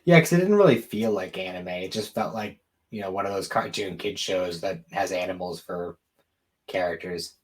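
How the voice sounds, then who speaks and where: His voice sits low and moves at a normal speed as he co-hosts a podcast. The talk is informal and offhand, a relaxed chat about anime and games.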